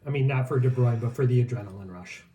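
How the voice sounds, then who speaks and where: Mellow-voiced man in an echoey room. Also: mid-range voice, fast. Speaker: co-host of card pack opening. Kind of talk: casual chat. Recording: echoey room with faint noise, crinkling packs.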